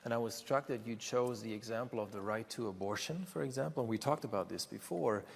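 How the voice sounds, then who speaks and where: Gravelly-voiced male moderator in a hall. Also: on the low side. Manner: measured questioning, repeats words. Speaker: panel moderator. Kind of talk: panel discussion. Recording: reverberant hall recording.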